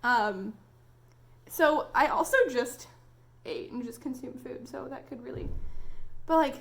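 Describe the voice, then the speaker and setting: A young woman chats to her camera at home in a slightly high voice. She talks loosely, with easy giggles and plenty of "like" and "um" along the way. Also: unhurried, creaky. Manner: chatty, giggly, lots of "like" and "um". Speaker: vlogger. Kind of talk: casual chat to camera.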